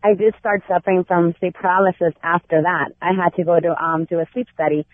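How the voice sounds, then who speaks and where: A woman calling in to tell a personal story, earnest and halting with many fillers. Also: fairly low pitch, flat delivery. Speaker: caller. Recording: phone line.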